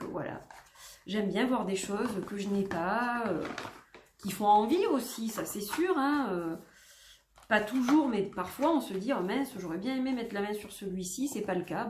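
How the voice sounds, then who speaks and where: A woman's voice: medium pitch, echoey room, a little hiss or hum. A woman with a French accent chatting casually as she shows her tarot decks, rambling with many fillers and self-corrections. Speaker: tarot vlogger.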